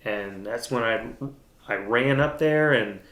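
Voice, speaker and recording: Middle-aged man, father and mechanic, earnest, halting restarts, echoey room. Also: medium pitch, a bit bright. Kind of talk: interview storytelling. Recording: roomy echo.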